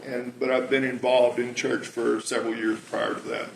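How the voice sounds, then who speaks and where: With a level tone and a moderate pace, a medium-pitched American man near sixty recounts anecdotes, his voice large like a preacher's. It's an informal talk and interview held indoors at a cafe, recorded in an echoey space with clear ambient noise.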